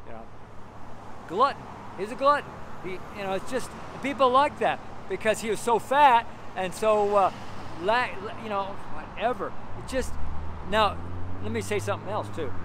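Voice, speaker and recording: Rambling street preacher outside by traffic. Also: male voice, a little high. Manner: rambling, emphatic, with chuckles and frequent fillers. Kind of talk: outdoor street sermon. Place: outdoors on a sidewalk by a street. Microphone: camera held close, selfie framing. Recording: outdoor street with audible traffic noise. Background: passing traffic.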